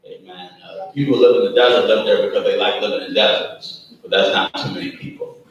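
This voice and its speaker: A man's voice: on the low side, steady tone, quick pace, muffled recording. A man as pastor, preaching a sermon with a folksy manner, often saying "Amen" and chuckling between points. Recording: echoey church room from far off, faint background noise.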